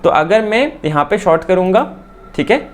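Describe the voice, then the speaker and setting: A man from India explaining a trading chart lesson quickly, repeating phrases and checking in with "theek hai" often. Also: sits high, very animated. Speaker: stock market trading teacher.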